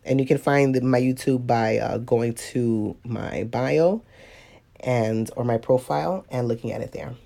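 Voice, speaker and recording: Greeting viewers and laughing often, a sniffly, stuffed-up watercolor instructor leads a casual, chatty live painting tutorial. Her voice is rumbling low and dark with vocal fry, and she speaks a little slowly.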